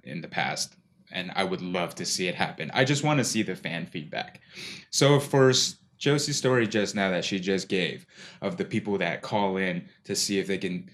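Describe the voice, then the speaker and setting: A woman hosting a podcast in casual chat, eager and laughing along. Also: extremely low pitch. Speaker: podcast host.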